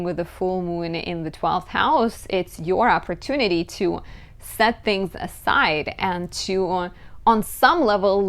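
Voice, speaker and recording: A woman astrologer giving a chatty, lively horoscope talk, often saying "like". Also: lowish voice.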